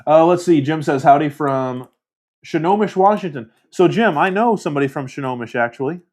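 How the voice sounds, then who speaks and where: A man's voice: a little high, lively intonation, fairly quick, a little mellow. A man casually hosting a livestream, reading viewer comments aloud and rambling with self-deprecating laughs. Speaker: livestream host.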